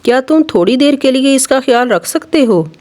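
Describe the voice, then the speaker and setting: A narrator voicing a gentle father pigeon. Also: high-pitched, animated, moderate pace, voice pushed up. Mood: friendly. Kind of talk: children's storybook narration.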